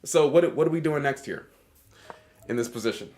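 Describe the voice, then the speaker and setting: A man's voice: medium pitch, animated, fairly quick, a little mellow. A man, streaming a casual chess lesson, joking with his chat in a hyper way.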